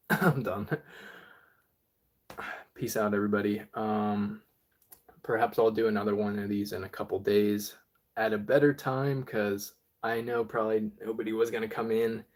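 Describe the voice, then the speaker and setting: A man's voice: lowish voice, breathy edge. A man giving a casual beatboxing tutorial on a livestream, rambling with many fillers and trailing asides.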